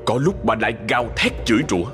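A man narrating a ghost story in a dramatic scripted style, slowing for suspense. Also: medium pitch, sing-song, fairly bright tone. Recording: husky voice in long reverb with music.

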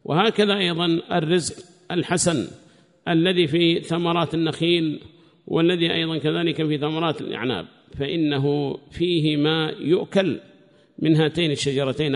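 A man teaching a scripture commentary lesson in a quick, gravelly voice that sits a little high. He explains patiently and circles back to repeat key phrases as he reasons aloud. His voice carries a long echo, as if recorded in a large hall. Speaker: religious teacher.

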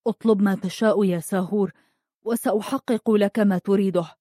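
A woman voicing a confident young prince who speaks in an assured, calm way. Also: medium pitch, normal speed, dry recording, clean studio sound, lightly acted.

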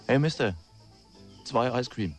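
An actor playing a quiet, plain-spoken young firefighter from Oklahoma in a radio drama. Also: male voice, medium pitch, animated, unhurried, soft background music, close to an everyday voice. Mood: easygoing. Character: shy young male firefighter from rural Oklahoma.

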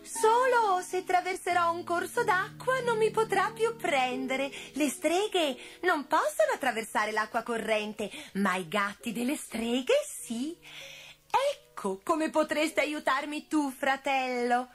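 A woman's voice: sits high, takes it slowly, a bit bright, faint music behind, pitched above the performer's own voice. A woman voicing a young female witch's cat in a storybook reading, with a wheedling, mischievous manner. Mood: scheming.

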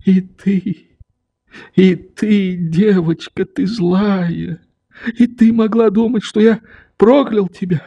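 A man's voice: sits high, fairly even intonation, slow pace, vocal fry, warm tone, breathy edge, highs cut off, pitched above the performer's own voice, heavily acted. A man reading the part of an old grieving father who tenderly begs his daughter's forgiveness, in a trembling, pleading voice. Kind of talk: audiobook reading.

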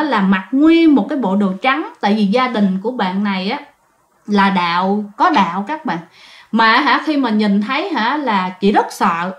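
A woman, telling ghost stories in a chatty way and talking straight to her listeners. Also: on the high side. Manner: chatty, addresses listeners directly. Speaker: storyteller. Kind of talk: casual ghost-story narration.

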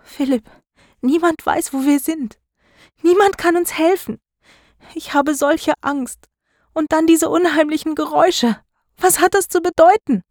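A woman's voice: a little high, slow, long pauses, a little mellow, dry recording, voice pushed up. A woman voicing a frightened teenage schoolgirl, pleading and trembling in a dry storybook recording.

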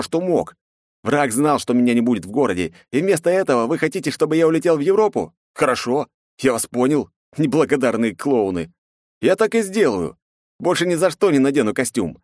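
A man voicing an angry young male hero who shouts down a hostile crowd with sarcasm. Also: mid-range voice, no echo, clean studio sound, voice pushed up.

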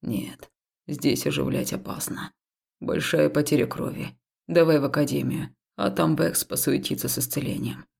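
A woman's voice: deep voice, steady tone, moderate pace, creaky, a little mellow, slightly rough, pitched below the performer's own voice, full character voice. A woman doing a cool, indifferent male necromancer. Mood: aloof, calm. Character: calm aloof male necromancer, young man. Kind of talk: audiobook character voice.

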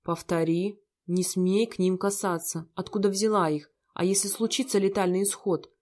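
A woman's voice: mid-range voice, fairly even intonation, normal speed, darkish tone, lightly acted. A cold bitter rich man, read by a woman. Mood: scornful.

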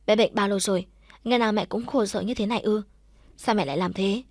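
A woman's voice: mid-range voice, fast talker, dry recording, lightly acted. Tearful young daughter, pleading, woman narrator voicing, dry close sound. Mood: distraught.

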